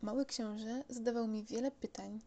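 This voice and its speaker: A woman narrating a storybook audiobook in a calm, measured way. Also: on the high side.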